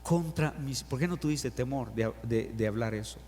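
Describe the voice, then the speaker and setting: A man's voice: mid-range voice, normal speed, darkish tone, a little hiss or hum. A middle-aged man preaching a sermon to his congregation. He acts out Bible quotes and stories and asks the listeners questions. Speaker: pastor. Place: church sanctuary. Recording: long church hall reverb.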